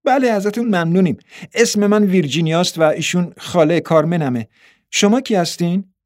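A man's voice: high voice, a little mellow, voice pushed up, close to an everyday voice. A man voicing an eager young girl in a storybook reading. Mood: polite.

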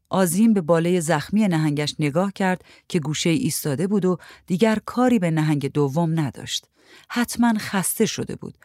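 A woman narrates a literary short story in a measured, even reading. Her voice sits low for a woman. The recording is dry and close, with no room sound. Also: no echo.

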